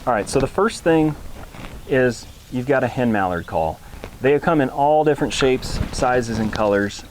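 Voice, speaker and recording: A man's voice: mid-range voice, lively intonation, normal speed, a little hiss or hum, low-quality recording. A man giving a casual hands-on tutorial as an instructor, speaking in a plain, folksy, informal way. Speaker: instructor, duck hunter.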